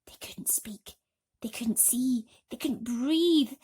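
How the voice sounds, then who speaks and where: A woman storyteller reads a children's bedtime story with drama and expression, using emphatic pauses and swells. Her voice is fairly high and warm, slightly rough.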